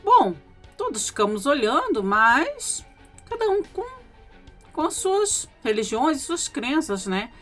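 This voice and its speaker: A woman's voice: sits high, big pitch swings, takes it slowly, a bit bright, soft background music. A woman narrating a supernatural account in the first person, chatting directly to her listeners. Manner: conversational, addresses listeners directly. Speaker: storyteller reading listener accounts.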